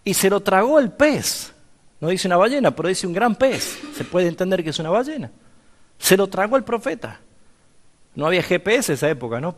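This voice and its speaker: High-voiced Argentine pastor in a reverberant hall. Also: male voice. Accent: Argentine Spanish. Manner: storytelling, acting out dialogue, asks the audience questions. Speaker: pastor teaching a seminary class. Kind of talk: sermon-style Bible lesson.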